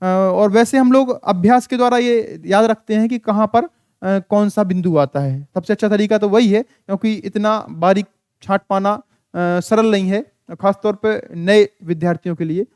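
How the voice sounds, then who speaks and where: A man's voice: sits high, normal speed, darkish tone, clear, resonant tone, dry recording, clean studio sound. A man teaching a classroom-style grammar lesson at a board. He patiently spells out sounds syllable by syllable, quizzes his students and repeats key words to drill them in.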